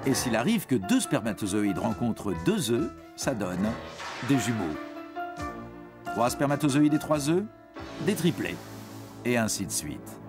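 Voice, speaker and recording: With long pauses and a slightly slow pace, this man's mid-range voice is very animated. He's a playful storyteller narrating an educational cartoon and addressing a young listener directly. Background music plays underneath.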